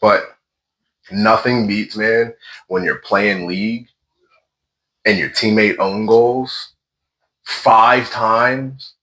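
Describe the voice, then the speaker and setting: A man telling stories in a casual gaming chat, animated and exasperated, swearing freely. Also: on the low side, drawn-out words, long pauses, low-quality recording.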